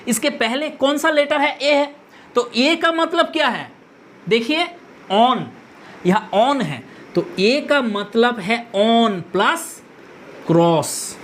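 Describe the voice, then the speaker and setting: A woman teaching a grammar lesson, explaining each term slowly and repeating the key words. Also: sits high, a little hiss or hum. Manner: slow, deliberate, repeats key terms.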